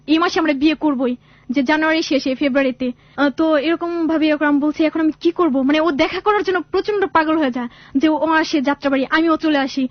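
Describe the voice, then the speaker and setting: Young woman, radio caller, rambling personal story, dry close sound, fast talker. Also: high-pitched, dry recording. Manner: rambling, often restarts and fills with "mane". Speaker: caller sharing her life story. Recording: dull lo-fi radio audio.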